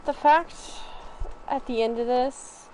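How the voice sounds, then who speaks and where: A female game streamer giving casual commentary. She speaks slowly and haltingly in a fairly high voice, thinking aloud, with slight noise behind her. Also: a little mellow, rough recording.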